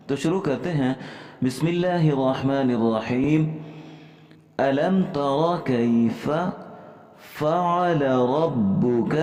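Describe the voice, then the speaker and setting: A man teaching Quran reading, patiently spelling out each letter and vowel and slowing down for recitation. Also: medium pitch, mellow. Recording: echoey room with long reverb.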